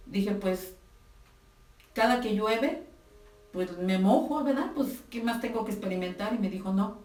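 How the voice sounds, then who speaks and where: A woman's voice: medium pitch, darkish tone. A woman giving a testimony and preaching at a prayer gathering, retelling conversations and urging her listeners. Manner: tells her story with quoted dialogue, exhorting, tag questions. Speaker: speaker at a women's prayer camp. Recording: roomy hall, distant mic, faint music.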